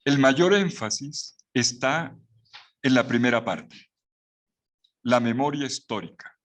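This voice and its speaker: A man's voice: medium pitch, a bit bright. A man giving a Bible course lecture with a Latin American Spanish accent, explaining patiently with rhetorical questions and restarts. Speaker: Bible teacher.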